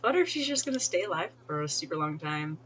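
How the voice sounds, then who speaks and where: Low-voiced woman chatting over gameplay. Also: sing-song, fast talker, a bit bright, slight background noise. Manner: chatty, giggly, talks to game characters. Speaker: streamer playing a life-sim game. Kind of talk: casual gameplay commentary.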